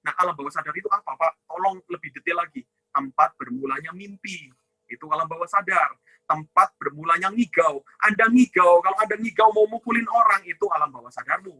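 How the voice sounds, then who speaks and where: Guy teaching a church seminar, high pitched, super bright punchy voice, keeps going "ya?" and asking himself questions. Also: fairly quick, no echo, poor audio. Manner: asks and answers his own questions, tags lines with "ya"; addresses listeners as "saudara". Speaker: ministry teacher on inner healing. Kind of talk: teaching talk with slides.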